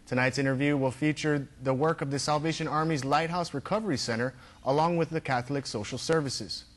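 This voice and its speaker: A man's voice: fairly high pitch, a little fast. A man hosting a TV news interview, reading formal introductions. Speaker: TV news host. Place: TV studio.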